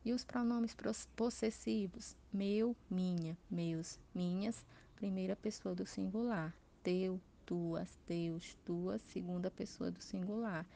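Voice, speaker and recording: A woman teacher with a Brazilian Portuguese accent, giving an educational TV lesson and listing examples slowly and clearly. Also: mid-range voice, fairly even intonation, warm tone.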